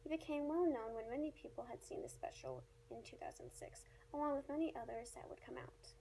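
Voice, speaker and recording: Woman, scripted review narration, high-set voice, gravelly fry, occasional reading stumbles. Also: very animated, a little fast, dark tone, slight background noise, poor audio. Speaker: reviewer presenting a comedy review. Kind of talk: scripted narration read aloud.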